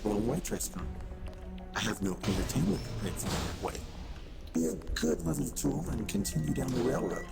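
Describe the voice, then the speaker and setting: Gravelly, smug video game villain played by a man. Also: mid-range voice, very animated, normal speed. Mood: smug taunting. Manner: mocking, condescending. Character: smug, taunting male video game antagonist. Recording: loud music behind.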